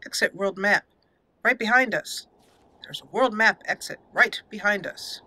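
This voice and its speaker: A woman who hosts a gaming channel gives casual let's play commentary, chatting and thinking aloud as she plays over game music. Her voice is medium-pitched and sharp, and she speaks a little slowly.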